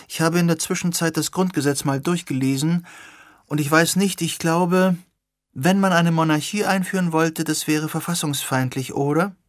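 A man voicing an excited young woman who asks eager, probing questions. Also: a little high, moderate pace, no room sound, clean studio sound, voice pushed up, natural voice.

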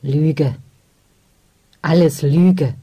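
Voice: medium pitch, steady tone, drawn-out words, slightly rough. Ein Vorleser, der in einer Hörbuchlesung einen verbitterten, sturen Haarteppichknüpfer spricht, der wütend schreit und giftet. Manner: shouting, snapping. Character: bitter old hair-carpet knotter, stubborn, furious. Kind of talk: audiobook character voice.

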